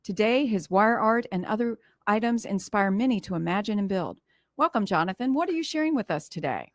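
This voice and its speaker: A woman hosting a museum event, reading a scripted welcome and introduction in a clear, even way. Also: mid-range voice, fairly quick, no echo, studio quality.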